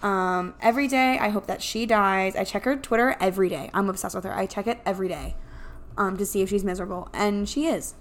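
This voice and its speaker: A young woman chatting on a home podcast at the kitchen table, with a snarky, foul-mouthed, deadpan delivery. Her voice sits at a middle pitch for a woman. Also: brisk. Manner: snarky, profane, deadpan mock-cruel. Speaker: podcast co-host. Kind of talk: casual chat.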